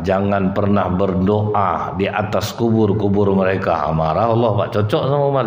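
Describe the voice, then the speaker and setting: A man preaching a lively storytelling sermon, calling his listeners Pak and Bu. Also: sits low, a little hiss or hum. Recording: echoey hall, dull sound.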